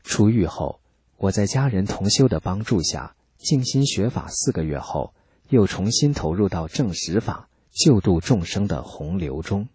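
Deep, very husky male narrator. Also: no echo. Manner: calm, measured storytelling. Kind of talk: scripted first-person narration.

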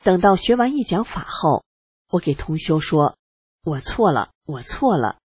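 An adult reading a personal testimony aloud in a steady first-person way, earnest and reflective. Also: medium pitch, a little slow, breathy edge, dry recording.

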